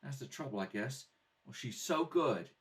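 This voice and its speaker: In a radio drama read-through, a man with a mid-range, animated voice and moderate pace lightly acts a proud young boy protective of his family. The tone is subdued, earnest and insistent, picked up by a distant mic in a home kitchen.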